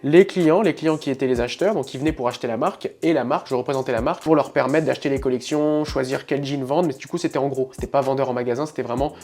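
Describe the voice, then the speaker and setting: A man's voice: medium pitch, fast talker, hardly any pauses, a little mellow. A young man hosting a casual podcast as a fitness coach, talking emphatically with many filler sounds.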